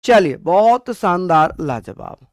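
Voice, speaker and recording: A man's voice: high-pitched, very animated, slow pace, no room sound, studio quality. A male teacher giving an online exam-prep lecture, repeating key points and asking questions he then answers himself. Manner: repetitive, addresses students as bhaiya.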